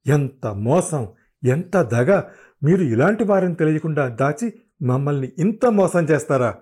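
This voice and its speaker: A young bride in an audio story, as a male narrator puts her on, her voice pushed high and mellow. She pleads and protests in a raised, indignant voice. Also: expressive, a little slow, breathy edge. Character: frightened, furious young bride on her wedding night.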